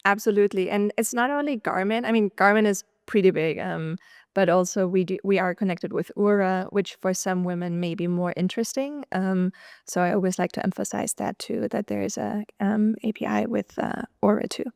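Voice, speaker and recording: A woman's voice: mid-range voice, steady tone, brisk, creaky, darkish tone, clear, resonant tone, no echo, studio quality. A woman from Austria with a light Austrian accent, chatting as a podcast guest with lots of ums and restarts. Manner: chatty, many ums and restarts, laughs easily. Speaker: guest, nutritional scientist. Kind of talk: casual podcast conversation.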